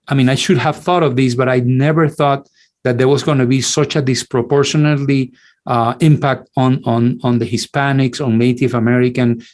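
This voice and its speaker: Lecturing online, a male infectious disease doctor from Cuba, a native Spanish speaker, stumbles through his talk with many restarts and repetitions. He has a medium-pitched voice with a darkish tone.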